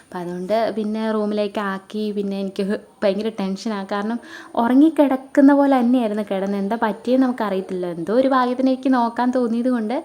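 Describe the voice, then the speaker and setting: A young woman vlogger with a Kerala Malayalam accent talks quickly, her words tumbling out. She tells the story in an emotional, chatty way, scattering fillers and little asides to her viewers. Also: a little high, steady tone, warm tone. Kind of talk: casual storytelling vlog.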